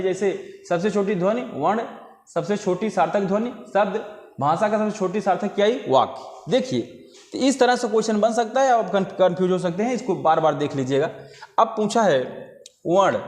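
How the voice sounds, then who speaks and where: A man with a high voice teaches an exam-prep grammar lesson, going over each definition more than once. He keeps calling his viewers friends as he explains. The sound is roomy, with a long reverb tail behind his voice. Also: darkish tone. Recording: echoey room with long reverb.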